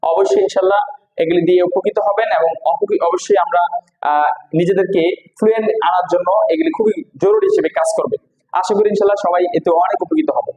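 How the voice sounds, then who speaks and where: A man with a Bangladeshi accent teaching English pronunciation, repeating each word slowly and quizzing the listener. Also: high-pitched, big pitch swings, warm tone, reverberant, poor audio. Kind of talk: spoken classroom lesson.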